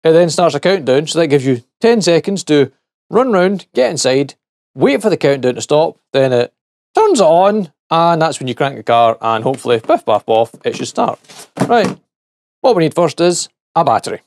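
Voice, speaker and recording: A man's voice: fairly high pitch, big pitch swings, normal speed, darkish tone. A middle-aged man chatting casually and jokily while testing and taking apart a gadget, talking to himself as he works. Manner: chatty and jokey, talks to himself while working. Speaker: gadget reviewer. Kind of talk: casual hands-on product teardown.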